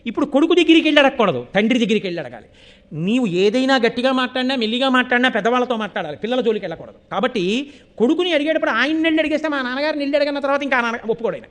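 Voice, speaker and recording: Male religious orator, very high pitch, animated storytelling with chanted verses, loud stresses dropping to hushed asides. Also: rapid-fire. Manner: swings between loud emphasis and hushed asides. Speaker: spiritual discourse speaker. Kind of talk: religious discourse on scripture.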